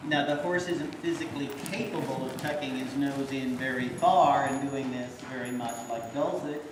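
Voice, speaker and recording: Man teaching riders across an echoing arena. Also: fairly high pitch. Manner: instructive, keeps quizzing the audience with questions. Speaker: riding clinic instructor. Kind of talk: live teaching commentary at a riding clinic. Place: large horse arena. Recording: echoey, distant, noisy arena sound.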